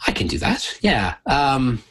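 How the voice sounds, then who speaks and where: A middle-aged man from Canada talking casually as a podcast guest, halting and repeating words. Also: mid-range voice, big pitch swings, a bit bright, breathy edge. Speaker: podcast guest, naturopath and researcher. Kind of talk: casual interview storytelling.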